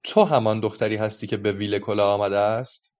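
A man's voice: lowish voice, fairly even intonation, a little mellow, close to an everyday voice. A man voicing a patient, patronizing adult policeman who lectures a child, in a dull lo-fi recording. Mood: lecturing.

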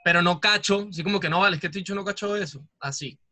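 Bright-voiced Venezuelan man, rambling. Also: high voice, very fast. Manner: rambling, repeats himself while thinking. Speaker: podcast co-host. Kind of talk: casual chat.

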